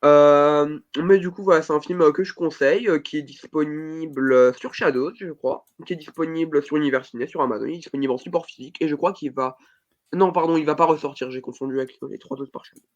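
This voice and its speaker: Male podcast host, slightly high voice, muffled lo-fi sound, loose rambling delivery full of fillers. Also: fairly even intonation, fast talker. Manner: rambling, filler-heavy, self-deprecating. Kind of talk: casual film podcast chat.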